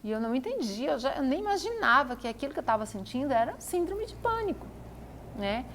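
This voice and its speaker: A woman's voice: high voice, sing-song, fast, fairly bright tone, a little hiss or hum. A woman telling her own story to camera, repeating phrases for emphasis. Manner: repetitive, emphatic retelling. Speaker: vlogger.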